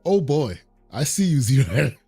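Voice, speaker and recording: A man hosting a casual podcast, speaking haltingly and often repeating words several times as he goes. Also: mid-range voice, sing-song, gravelly, mellow, slightly rough, faint music behind. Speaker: podcast host. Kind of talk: casual podcast sign-off chat.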